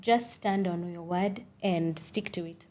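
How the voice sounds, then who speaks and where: A woman's voice: fairly low pitch, a little slow, warm tone. Kenyan-accented woman, emphatic and assured. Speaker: interview guest, makeup artist. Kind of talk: conversational interview, anecdotes.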